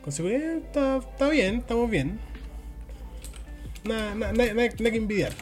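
A man's voice: sits high, animated, a little fast, faint music behind. A young man with a Chilean accent co-hosting a podcast in loose, slangy, joking chat. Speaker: podcast co-host.

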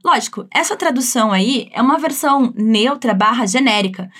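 Professora brasileira animada e aguda. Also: female voice, on the high side, lively intonation, a little fast, fairly bright tone. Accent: Brazilian. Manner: upbeat, chatty, encouraging. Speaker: French teacher. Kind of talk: language lesson.

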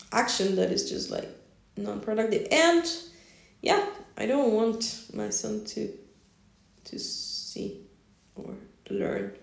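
Chatty woman with a gravelly voice. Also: on the high side, a little mellow, reverberant. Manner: rambling, laughs often, fillers. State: yawning, drowsy. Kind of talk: casual solo talk. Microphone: phone on a stand.

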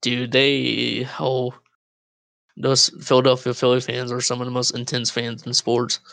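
A man's voice: mid-range voice, completely flat delivery, measured pace, creaky, a bit bright, no echo. Laughing young man co-hosting, dry sound. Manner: laughs often, loose and joking. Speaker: podcast co-host. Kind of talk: casual chat. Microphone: Discord voice call.

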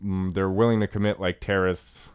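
A man's voice: sits low, little pitch movement, a little fast, darkish tone, smooth, dry recording, studio quality. A man co-hosting a casual film podcast, laid-back and rambling, with lots of ums and likes. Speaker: podcast co-host.

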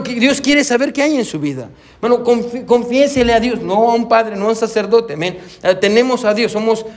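High-voiced pastor preaching a sermon. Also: male voice. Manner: animated preaching, punctuated with frequent "amén"; acts out little dialogues with congregants and his wife.

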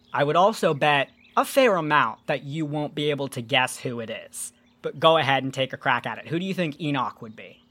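A woman with a low-pitched voice hosts a casual podcast, explaining myths and folklore in an animated, joking style with some swearing.

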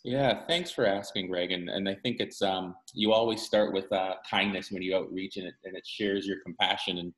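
Impassioned middle-aged man, low voice. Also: fairly even intonation, normal speed, hardly any pauses, fairly bright tone. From Guyana. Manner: impassioned, emphatic, rising sharply when angry. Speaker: guest. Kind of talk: candid interview conversation. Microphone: video call. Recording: echoey room over a call.

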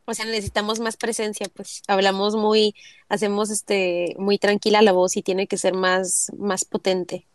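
A woman, co-hosting a casual audio show, chatty and quick to laugh. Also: mid-range voice, little pitch movement. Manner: laughs often, playful and chatty. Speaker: co-host. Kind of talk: casual chat.

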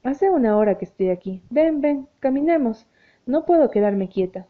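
A woman's voice: sits high, animated, normal speed, pitched above the performer's own voice. A woman voicing an anguished, restless young woman who speaks in an agitated, pleading way, in an audiobook reading. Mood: distressed. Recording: tinny phone-like sound.

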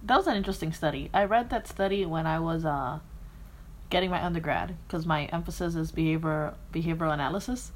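A woman's voice: low voice, a little hiss or hum. A woman co-hosting a podcast, talking politics casually, with blunt, profane remarks. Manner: blunt, profane, quick asides. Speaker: podcast co-host.

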